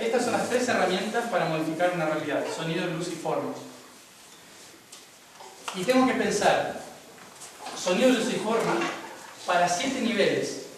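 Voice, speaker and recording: A man's voice: on the high side, a little hiss or hum. A young man, giving a spiritual talk to a live audience and explaining step by step while often checking in with his listeners. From Argentina. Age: young adult. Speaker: spiritual speaker. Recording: very echoey room, mic far off.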